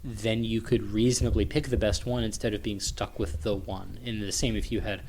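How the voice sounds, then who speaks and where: A man's voice: lowish voice, flat delivery, brisk, darkish tone, a little hiss or hum. Joking young man co-hosting a podcast. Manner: joking, sarcastic, swears casually. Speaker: podcast co-host. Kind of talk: casual chat.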